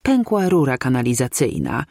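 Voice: medium pitch, wildly swooping pitch, normal speed, creaky, darkish tone, no room sound, studio quality, exaggerated voice. A reader voicing an older woman who answers curtly and tartly, short on patience. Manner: curt, tart. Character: older woman, sharp, impatient neighbour.

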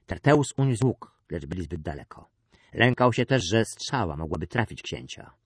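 A male audiobook narrator telling an adventure tale in a measured, storytelling manner. His voice is fairly low yet very lively in pitch. The recording is dry and close. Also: breathy edge, dry recording. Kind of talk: scripted narration.

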